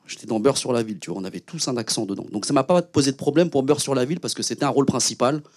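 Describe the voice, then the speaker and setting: Relaxed slangy man on a panel. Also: mid-range voice. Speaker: panel guest actor. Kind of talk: casual panel talk.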